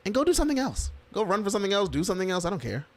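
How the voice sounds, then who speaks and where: A man's voice: high-pitched, very fast. Emphatic man co-hosting a local podcast. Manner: animated, emphatic, laughs often. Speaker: podcast co-host. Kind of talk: casual political chat.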